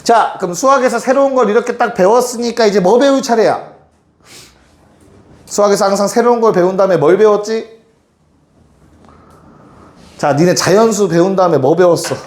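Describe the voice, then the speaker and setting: Teaching a math class, a man with a high, darkish voice speaks at normal speed but pauses often. He speaks to the students directly and keeps making sure they follow. The room is echoey with faint background noise.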